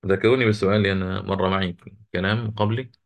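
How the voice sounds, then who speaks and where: A man teaching a lesson on Quranic recitation, answering students' questions and slowly chanting the verses he quotes. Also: low-pitched, steady tone, gravelly.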